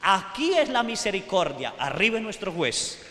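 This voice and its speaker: A man's voice: sits high, big pitch swings, moderate pace, a bit bright. A male priest, preaching a sermon at a retreat. He tells stories and keeps checking in with the audience. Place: large hall at a retreat. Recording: echoey hall, faint noise.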